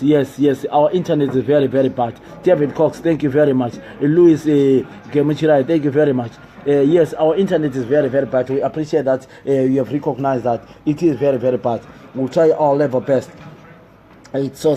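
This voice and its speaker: A man's voice: mid-range voice, dark tone, rough recording. A man hosting a live football talk stream indoors, repeating his questions and calling on viewers to reply. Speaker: sports show host. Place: indoors in a building.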